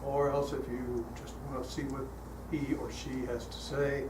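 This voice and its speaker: An older man, a guest speaker leading a guided meditation, tells stories to a congregation in a church hall in a relaxed, chatty way full of fillers. His voice is calm, medium-pitched and moderately paced, and the recording is noisy, echoey and distant.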